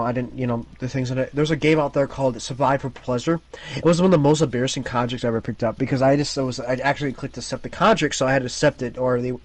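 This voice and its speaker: A man in casual chat about games, excitable and tripping over his words with quick restarts. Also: medium pitch, no echo, poor audio.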